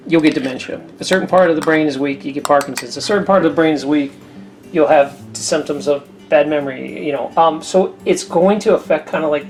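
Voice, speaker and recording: A woman with a notably deep voice talks casually while she cooks in her home kitchen. She rambles from one story to the next in an easy, chatty way. Faint music plays in the background. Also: darkish tone. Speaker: cooking channel host. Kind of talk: casual chat while cooking.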